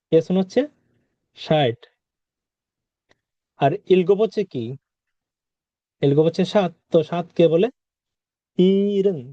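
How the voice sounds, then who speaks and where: A man's voice: high-pitched, dark tone, no room sound, highs cut off. A man teaching a vocabulary lesson, patiently repeating words and quizzing the listener. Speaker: Korean language teacher.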